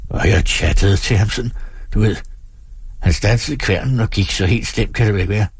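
A man's voice: lowish voice, slightly rough, no room sound. A man reading a story and voicing a wounded farmer who stammers and pleads. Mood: muttering. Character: terrified, wounded old-fashioned farmer, grown man.

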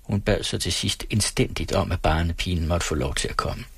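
Man reading an audiobook, husky and kinda gravelly, dead dry close mic. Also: sits low, no room sound. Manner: steady, measured reading. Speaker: audiobook narrator. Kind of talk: audiobook narration of a novel.

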